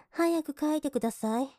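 In an adult audio drama, a young woman voices a cold, scornful maid who mocks with polite contempt, now and then sneering in soft whispers. Her voice sits high, and the studio-quality recording has no room sound.

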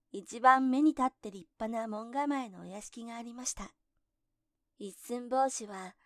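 A woman narrating a folk tale in gentle, measured storybook telling. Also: a little high, no echo, clean studio sound.

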